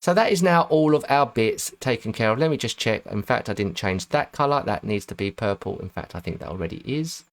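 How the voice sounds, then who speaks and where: A man's voice: fairly low pitch, lively intonation, fairly quick, hardly any pauses. A man teaching a web design tutorial over a screen recording, going step by step and correcting himself as he works. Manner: methodical step-by-step, self-correcting.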